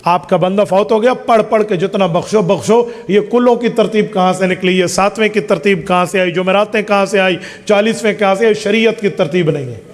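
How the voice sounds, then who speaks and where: A man's voice: high voice, brisk, hardly any pauses. A man delivers religious answers with emphasis. He piles up rhetorical questions and counts off his points in turn. His voice rings out with a long reverb, as if from a large hall. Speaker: Islamic scholar answering questions.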